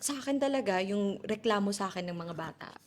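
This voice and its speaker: A woman teacher from the Philippines with a loud, strong voice, chatting in an interview, lively, laughing easily and mixing English into her talk. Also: mid-range voice, brisk. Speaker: teacher guest. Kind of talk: casual interview chat.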